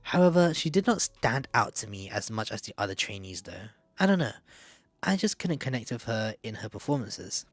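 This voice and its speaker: A man's voice: mid-range voice, big pitch swings, normal speed, no room sound, faint music behind. Chatty man giving candid opinions, dry sound. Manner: chatty, candid, peppered with "like" and "I don't know". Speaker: video essayist. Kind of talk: casual opinion commentary.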